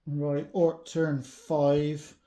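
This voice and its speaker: A man casually recapping his army's turns in a tabletop battle report, chatty and quick to laugh. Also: a little high, completely flat delivery, warm tone.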